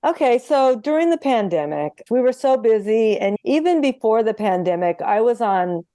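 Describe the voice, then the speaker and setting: A chatty, earnest woman homeopath speaking as an interview guest over a video call. Her voice is mellow and warm-toned, and the sound is dry and close. She tells stories and slips into acting out the dialogue. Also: fairly high pitch, sing-song, normal speed, no room sound. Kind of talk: conversational interview.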